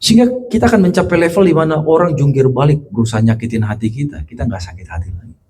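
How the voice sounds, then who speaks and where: A male pastor preaching a sermon to a congregation, asking them questions, and moving between loud emphatic lines and quiet, low storytelling. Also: lively intonation, fast. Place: church.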